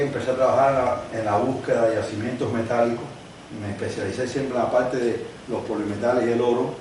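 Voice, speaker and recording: A man's voice: medium pitch, darkish tone, distant mic. Older male guest lecturer, conversational, recorded off-mic in a very echoey room with faint hiss. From Cuba. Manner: conversational, explains with examples and asides. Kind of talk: university lecture. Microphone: no microphone, distant recording.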